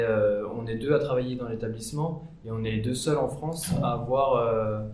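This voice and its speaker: A man with a mid-range voice introduces himself as a sign language interpreter, pausing often on fillers. The room is echoey with faint ambience behind him. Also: medium pitch, darkish tone, a little hiss or hum. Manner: hesitant, many fillers.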